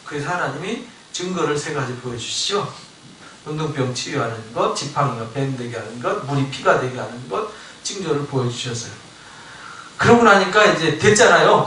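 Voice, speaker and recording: Lively man preaching in an echoey church. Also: on the high side, slight background noise. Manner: animated, acts out voices of biblical figures, asks the congregation questions. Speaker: pastor. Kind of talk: Bible lecture sermon. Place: church sanctuary. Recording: echoey church hall, mic at a distance.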